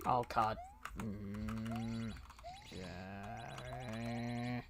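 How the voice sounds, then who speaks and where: Slow-talking streamer muttering over a game. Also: medium pitch, steady tone, noisy background. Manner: mutters, hesitant, self-talk. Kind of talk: thinking aloud while playing a game.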